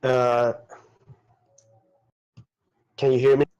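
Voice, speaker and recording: A man's voice: mid-range voice, monotone, a little mellow, clean tone, highs cut off. A man debating bill wording over a choppy online group voice chat, speaking hesitantly with many fillers. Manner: hesitant, filler-heavy, halting. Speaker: debate participant. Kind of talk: online community policy debate.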